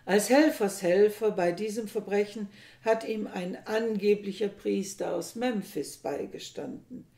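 A woman reading the part of a grieving old father who loudly accuses a young man, in impassioned outbursts. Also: mid-range voice, unhurried, gravelly. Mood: pleading. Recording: echoey room.

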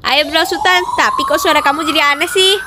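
Woman doing a hyper cartoon boy gamer, super high pitched, yelps "waduh" all the time. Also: quick pace, noisy background, lightly acted. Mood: excited. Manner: excitable, frequent exclamations. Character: cheerful excitable boy, big brother gamer. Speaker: older sibling playing a game. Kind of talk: playful game-play voice acting.

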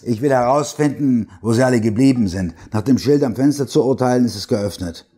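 A man's voice: mid-range voice, fairly quick, warm tone, slightly rough, natural voice. A man voicing a stubborn, irritable husband who speaks harshly and insistently to his wife. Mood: brusque.

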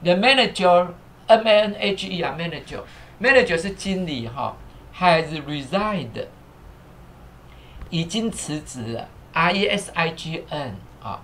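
A man's voice: sits high, a bit bright. A man teaching English on a live stream. He spells words out letter by letter, repeats each phrase, uses many fillers, and thanks viewers as he goes. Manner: thanks viewers and asks the crew to fix captions.

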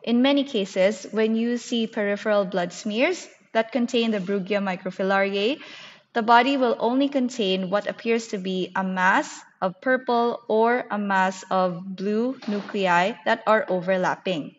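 A woman's voice: medium pitch, unhurried. A woman lecturer explaining material to her class in a scripted, teacherly slide lecture. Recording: muffled, reverberant narrated slide recording.

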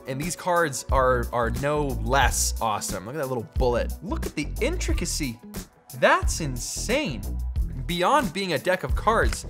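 A man in his thirties hosting a casual top ten countdown to camera, speaking emphatically and with joking asides. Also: mid-range voice. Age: 30s. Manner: animated, emphatic, jokey asides. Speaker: host of a gift guide video. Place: dim lounge-like room indoors, seated at a table. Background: background music.

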